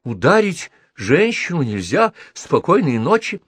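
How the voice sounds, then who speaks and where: A man's voice: on the high side, very animated, measured pace, fairly bright tone, slightly rough, dry recording, pitched above the performer's own voice, heavily acted. A man voicing a bewildered young American man who repeats himself stubbornly, with an American accent. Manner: stubborn, flustered.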